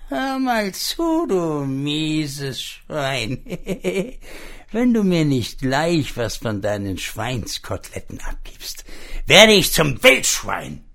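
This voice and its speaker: A man's voice: fairly high pitch, very animated, slow pace, bright, forceful tone, voice pushed up, full character voice. A man voicing a scrawny, starving male pig in a comic storybook tale, talking in a whiny, pleading way. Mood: threatening.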